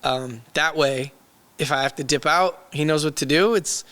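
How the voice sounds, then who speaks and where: A hoarse young man who has lost his voice, chatting casually and jokingly as a podcast co-host. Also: on the high side, moderate pace, pushed and bright. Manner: laid-back, slangy, jokey. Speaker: toy shop owner and podcast co-host.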